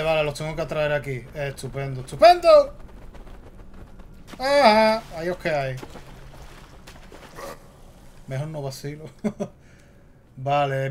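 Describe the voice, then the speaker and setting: A man with a Spain Spanish accent giving jumpy, excitable let's play commentary while he plays. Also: a little high. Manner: jumpy, excitable, talks to himself. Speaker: gaming host.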